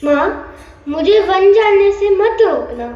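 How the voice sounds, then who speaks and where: A woman plays a loyal young prince, eager to follow his brother, speaking earnestly in a high voice. An echo from the room hangs on every word. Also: lively intonation, slow, darkish tone, lo-fi sound, faint music behind, heavily acted. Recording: echoey room.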